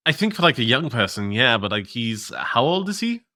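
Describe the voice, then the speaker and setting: A man's voice: mid-range voice, brisk, dry recording, clean studio sound. A man co-hosting a tech podcast, chatting casually and moving the talk along to the next segment. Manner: animated, leads the segments. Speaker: podcast co-host. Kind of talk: casual chat.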